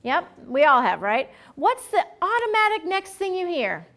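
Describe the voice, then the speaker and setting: A woman leading a customer service training session, lively and acting out short role-play lines for her trainees. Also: very high voice, moderate pace. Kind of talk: staff training talk with role-play examples.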